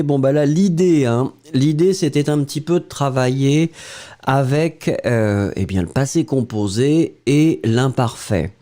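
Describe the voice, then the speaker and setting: A man's voice: medium pitch, dark tone. A man teaching French in a live online lesson, explaining grammar patiently step by step and spelling words out letter by letter.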